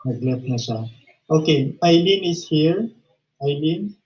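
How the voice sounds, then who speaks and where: A man with a Filipino accent, facilitating an online class over a video call, brisk and mixing English with Tagalog. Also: a little high, lively intonation, a little mellow. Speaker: course facilitator. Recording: dull lo-fi video call audio.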